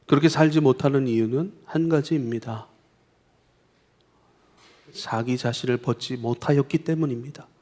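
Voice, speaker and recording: Korean pastor preaching in a reverberant church. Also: male voice, medium pitch, normal speed, long pauses, dark tone. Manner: conversational preaching, acting out pleading prayers with rising intensity. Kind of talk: sermon. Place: church sanctuary. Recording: long church hall reverb.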